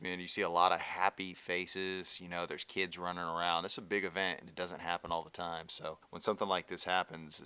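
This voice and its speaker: A man narrating as game master of a tabletop game, rambling in a relaxed way with fillers. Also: low-pitched, clear, resonant tone, no room sound.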